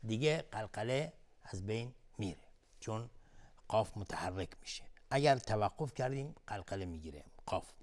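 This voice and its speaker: A man's voice: fairly low pitch, expressive. Persian-accented man teaching Quran recitation. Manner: explains rules plainly, then chants verses slowly and loudly. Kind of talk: tajwid lesson with chanted recitation.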